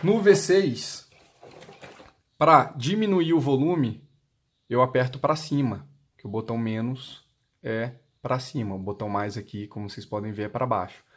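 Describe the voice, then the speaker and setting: An intercom seller with a Brazilian Portuguese accent gives an unscripted product demonstration, explaining each step plainly and instructionally. His mid-range voice keeps a measured pace. The recording is clearly noisy, with clicks.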